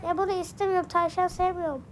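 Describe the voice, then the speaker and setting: A woman's voice: extremely high pitch, fairly even intonation, quick pace, a little hiss or hum, voice pushed up. A woman voicing a cheeky, insolent baby boy who taunts and whines. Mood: whiny. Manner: bratty, taunting, whiny.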